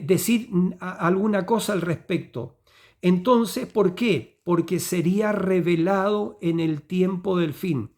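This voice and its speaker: A man's voice: high-pitched, a little mellow. A man preaching a sermon, often checking in with the listeners and repeating phrases as he builds a point. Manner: teaching tone with frequent "¿ya?" and "¿cierto?" checks.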